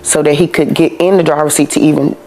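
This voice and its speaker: Low-voiced young woman recalling haltingly. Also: steady tone, warm tone, soft background music. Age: 20s. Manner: halting, repeats words. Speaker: interviewee in a news report. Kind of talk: emotional interview recollection.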